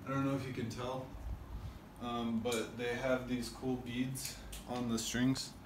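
A young man vlogging a casual tour of his shared house, hesitant and full of ums, with a dry deadpan humor, filmed on a handheld phone. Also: medium pitch, a little slow. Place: indoor shared house, tiled rooms. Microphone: handheld phone camera. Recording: echoey room with household noise.

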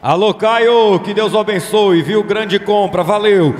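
A man's voice: high-pitched, a little slow. A Brazilian man working as an auctioneer, calling bids in repetitive, insistent chants. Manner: repetitive, insistent selling patter. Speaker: livestock auctioneer. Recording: long hall reverb, music behind.

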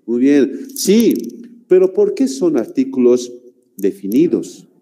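A male teacher speaks slowly and deliberately, his pitch rising and falling a lot as he walks the class through each example. His voice has a dark, mellow tone. The sound carries a long hall-like reverb. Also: sing-song. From Bolivia. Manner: slow, deliberate, repeats phrases, keeps asking "¿no?". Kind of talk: classroom grammar lesson.

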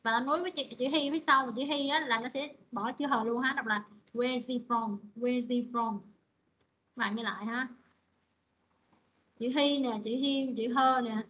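A woman's voice: sits high, moderate pace, pushed and bright, breathy edge, poor audio. A woman teaching an online English pronunciation class, repeating phrases and calling on students by name.

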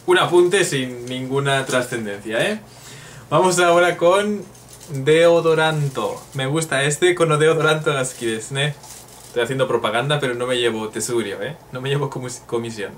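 A man from Spain teaching a casual online Japanese lesson, joking and chatty, often adding quick tag questions. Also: medium pitch, a bit bright. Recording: voice a bit far from the mic, faint room noise.

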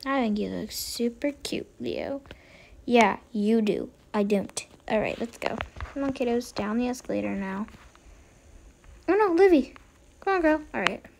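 A high-voiced woman narrating her game role-play in a chatty, playful way, slipping into quick whispered asides as she goes. Faint noise sits behind her voice. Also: expressive, creaky, a little mellow. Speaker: gaming channel host. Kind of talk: Roblox role-play commentary.

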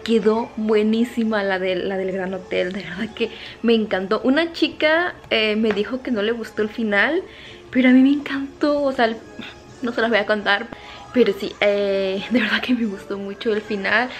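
A young woman, rambling to camera in a casual vlog at home at night, keeping her voice low while others sleep. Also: moderate pace, faint music behind. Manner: chatty and rambling, with many fillers. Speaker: vlogger.

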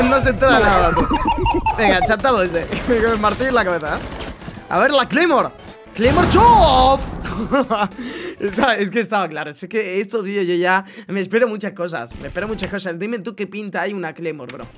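A young Spanish man with a high, lively voice talks briskly over background music, reacting excitedly to gameplay clips as a gaming YouTuber. He exclaims, laughs and swears as the footage plays, all in a Spanish accent.

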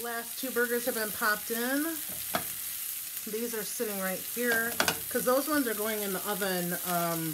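In her home kitchen and at the dining table, a middle-aged Wisconsin woman runs a casual cook-along chat for her cooking vlog, rambling with lots of fillers in her local accent. She has a mid-range voice, and the background is noisy.

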